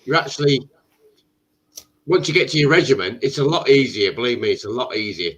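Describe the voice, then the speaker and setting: A man's voice: mid-range voice, a little fast, a bit bright, breathy edge. A man chatting casually with friends, joking around and swearing freely.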